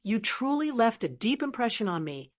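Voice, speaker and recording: Woman doing a charming seductive lady, soft breathy voice, audiobook. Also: a little high, sing-song, normal speed. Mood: forced charm. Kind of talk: audiobook narration of dialogue.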